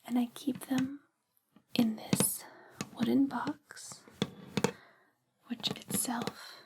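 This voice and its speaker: Female ASMR host, soft breathy whisper throughout, unhurried and very level in tone. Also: fairly high pitch, little pitch movement. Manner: slow, gentle, deliberate phrasing.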